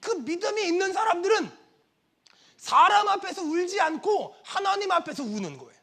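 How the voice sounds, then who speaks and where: Man, pastor, very high voice, fervent sermon, repeating phrases, loud then hushed. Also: very animated, moderate pace. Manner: impassioned, rhythmic repetition of phrases; swings between loud outbursts and soft low asides.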